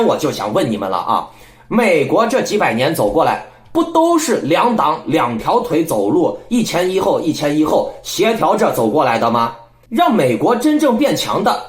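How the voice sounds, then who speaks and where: A man hosting an opinionated political commentary channel, lecturing and scolding his listeners and keeping on asking them whether they agree. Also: on the high side. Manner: rhetorical, keeps asking listeners "right?". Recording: echoey room.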